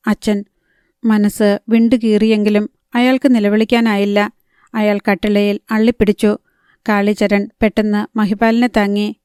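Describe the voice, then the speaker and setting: A woman reading a crime thriller audiobook in a measured storytelling manner. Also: mid-range voice, dark tone, smooth, no room sound, studio quality. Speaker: audiobook narrator. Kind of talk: scripted narration of a crime thriller.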